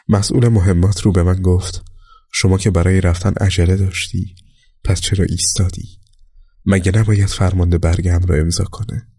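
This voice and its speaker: A man reading a memoir aloud as an audiobook narrator, calm and measured, lightly voicing the quoted dialogue. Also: low-pitched, breathy edge, dry recording, studio quality.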